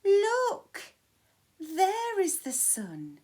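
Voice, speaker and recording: A brave, clever young boy from a storybook, speaking calmly and quietly as he outwits his captors. The voice is light and unhurried, with a hushed, secretive edge, voiced by a woman reading the tale aloud. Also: extremely high pitch, voice pushed up, full character voice. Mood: scheming.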